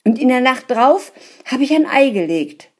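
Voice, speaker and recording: A simple-minded peasant husband from a storybook tale, shouting high and loud with wide swings in pitch, as a woman puts him on. He is husky and tumbles over his words in his eagerness. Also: extremely slow, exaggerated voice. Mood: indignant. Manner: loud, excited, stammering.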